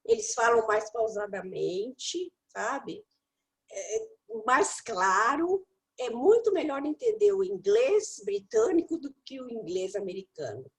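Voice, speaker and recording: A woman English teacher and mentor giving study tips in a talk to the listener, animated and playful. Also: a little high, slow pace, poor audio.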